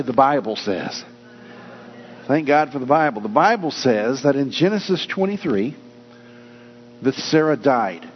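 A man preaching a sermon, reading scripture and acting out people's doubts as he goes. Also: medium pitch. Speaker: pastor. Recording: echoey hall, dull lo-fi sound with mains hum.

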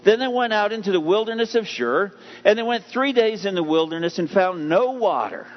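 A man preaching a sermon, animated and expressive, acting out the voices of the people he talks about. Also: high-pitched, fairly quick. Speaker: pastor. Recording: dull lo-fi sound with long reverb and faint noise.

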